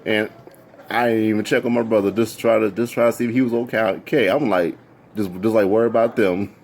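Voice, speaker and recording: A man telling a story casually, excitable and jumping into high squeals when he quotes people. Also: brisk, a little hiss or hum.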